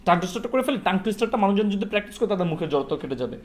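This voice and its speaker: Lively Bengali-accented teacher drilling pupils. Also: male voice, high-pitched, rapid-fire. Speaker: English pronunciation teacher. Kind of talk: classroom lesson with children.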